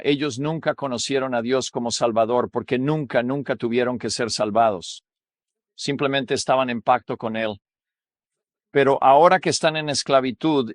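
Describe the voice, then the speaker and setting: A man's voice: mid-range voice, no echo. Male pastor leading a Bible study, mid-range voice, questions the listeners often, dry close mic. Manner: asks rhetorical questions, checks in with "¿verdad?".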